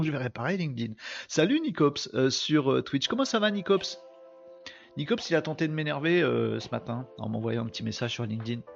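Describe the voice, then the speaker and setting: Joking, creaky-voiced French live host. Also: male voice, mid-range voice, highs cut off. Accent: northern French. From northern France. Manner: rambling, joking, chatting with viewers. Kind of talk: casual live-stream chat.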